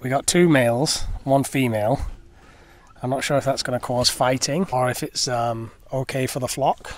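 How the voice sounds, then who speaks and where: A man's voice: mid-range voice, fairly even intonation, moderate pace. A man chatting casually and upbeat to camera for his family vlog, outdoors in a rural village and garden. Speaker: family vlogger.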